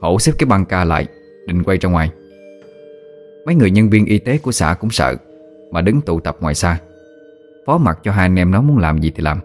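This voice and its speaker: A male storyteller narrates a story in a steady, dramatic tone. His voice is very deep and low. Soft background music plays underneath. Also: fairly quick, pauses often.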